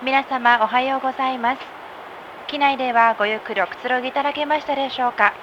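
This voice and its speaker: A woman's voice: high-pitched, fairly even intonation, rapid-fire. A woman flight attendant giving a polite, formal scripted in-flight announcement over a cabin PA. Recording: muffled aircraft cabin PA, loud engine noise.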